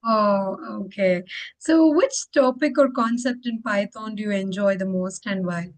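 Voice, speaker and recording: A woman's voice: mid-range voice, measured pace, poor audio. A woman hosting an interview show, asking prepared questions and answering each reply with encouraging praise. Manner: encouraging, repeats warm praise between questions. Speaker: interview host.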